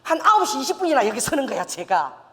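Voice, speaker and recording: An older woman pastor telling a lively testimony in a sermon, laughing and acting out quotes. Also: high voice, fast talker, long reverb tail. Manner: storytelling with laughs and acted quotes. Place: church sanctuary.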